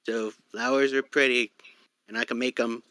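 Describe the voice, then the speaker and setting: A man's voice: medium pitch, little pitch movement, normal speed, pushed and bright, no echo, natural voice. A man playing a blunt, earnest male adventurer who talks in a matter-of-fact way. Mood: deadpan.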